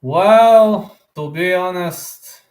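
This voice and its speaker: Extremely slow and high-voiced, with a darkish tone, a combat sports YouTuber rambles on a live stream that has a roomy echo. His casual chat consists of answering viewer comments aloud, repeating words, and frequently finishing with "man."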